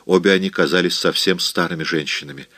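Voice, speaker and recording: Male audiobook narrator, deep voice, dramatic delivery. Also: fast, no room sound. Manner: expressive, dramatic reading.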